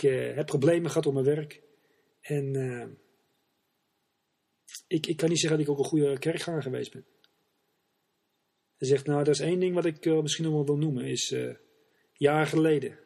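A man's voice: fairly high pitch, gravelly, a little mellow, husky. A man voicing a poor male beggar who humbly confesses his failures and his faith, in a sermon parable. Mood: confessional.

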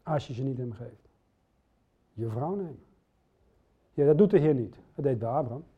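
A man's voice: mid-range voice, expressive, normal speed, husky. A middle-aged man preaching a sermon, speaking earnestly and putting direct questions to his listeners. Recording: dull lo-fi recording.

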